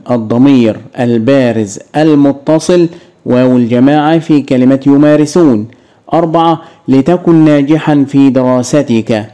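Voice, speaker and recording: Mellow-voiced Egyptian man teaching grammar. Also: medium pitch. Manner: explains step by step, asks and answers his own questions. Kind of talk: grade-school grammar lesson.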